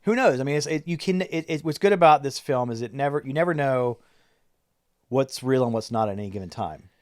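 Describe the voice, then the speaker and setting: A man's voice: medium pitch, brisk, a little mellow, no echo, studio quality. A man co-hosting a podcast, chatting casually about a movie and laying out his theories, often restarting sentences. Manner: analytical, lays out his theories with frequent restarts. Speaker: podcast co-host.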